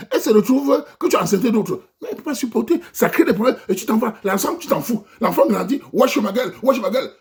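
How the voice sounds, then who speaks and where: Husky, animated Cameroonian man ranting. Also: high-pitched. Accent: Cameroonian French. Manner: preachy, exhorting, addresses listeners directly. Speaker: vlogger addressing his diaspora audience. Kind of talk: impassioned monologue rant.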